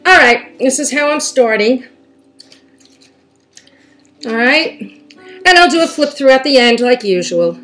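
A woman chatting casually through an art journaling tutorial at home, chewing gum and talking while she works, with soft soundscape music playing from a TV. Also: sits high, animated. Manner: slow, chatty, talks while working. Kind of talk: casual craft tutorial chat.

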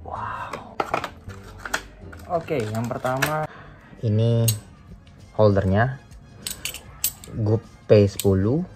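A young Indonesian motovlogger unboxes a phone holder in a small room beside a motorbike, chatting casually in Jakarta slang and calling his viewers "guys." His medium-pitched voice is expressive, with drawn-out words and frequent pauses over background noise.

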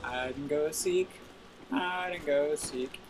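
A young man giving live gameplay commentary, frustrated and swearing loudly at other players. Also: on the high side, takes it slowly, soft background music. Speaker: gaming video host.

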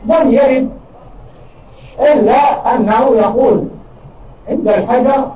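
An older man with a Saudi Arabian accent and a very high-pitched voice gives a religious lesson in a large mosque hall, answering questions in a measured, emphatic way. The recording is distant and dull, with a noisy background.

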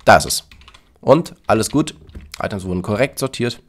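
A man's voice: lowish voice, expressive, moderate pace. A man casually commenting on his Minecraft build and explaining it to his viewers. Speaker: YouTuber demonstrating a Minecraft build.

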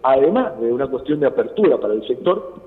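Crowd noise sits behind a man in his thirties with an Argentine Spanish accent, a nightlife business representative earnestly explaining a policy in a phone interview and asking for agreement. He talks fast at a medium pitch with big pitch swings, heard over a tinny phone line.

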